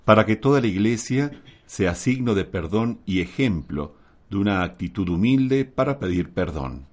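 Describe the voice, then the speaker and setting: A man's voice: on the low side, lively intonation, moderate pace. A man acting as lay reader and guide at Mass, reading scripted prayers and liturgical announcements.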